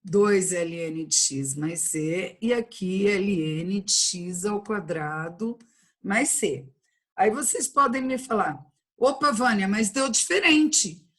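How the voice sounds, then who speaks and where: A woman's voice: fairly low pitch, slow. A woman with a Brazilian accent teaching an online calculus class, patiently explaining each step and checking in with her students. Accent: Brazilian Portuguese. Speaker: math teacher.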